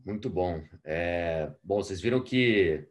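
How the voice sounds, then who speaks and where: Brazilian male webinar host, somewhat low pitch, casual and talkative. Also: lively intonation, slow pace. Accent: Brazilian Portuguese. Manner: chatty, reads out audience messages. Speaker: host of an online masterclass. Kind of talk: live webinar hosting.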